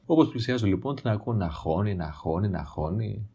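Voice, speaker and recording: A man with a low, mellow voice tells a story in a loose, conversational way. His tone is wry and he swears casually as he goes. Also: lively intonation, husky.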